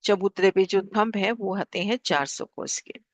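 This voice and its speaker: A woman teaching a spiritual class, calmly guiding listeners through maps and repeating key figures so they stick. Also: mid-range voice, moderate pace, no echo. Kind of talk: devotional lesson explaining maps.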